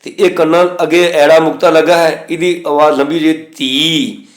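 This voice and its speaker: A man teaching the pronunciation of scripture, reciting verses slowly and spelling out letters and vowel signs methodically. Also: fairly high pitch, flat delivery, reverberant. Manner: slow chanted recitation of verses between explanations. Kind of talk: recorded lesson on scripture pronunciation.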